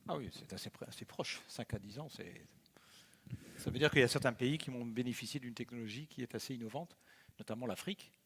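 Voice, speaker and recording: A man's voice: medium pitch, brisk, a bit bright, husky. A man moderating a panel, asking questions in a chatty, informal way.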